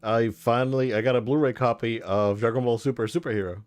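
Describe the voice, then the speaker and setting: A man's voice: mid-range voice, fairly even intonation, fast talker. A man co-hosting a podcast, chatting casually and enthusiastically about movies, with many restarts and fillers. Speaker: podcast co-host.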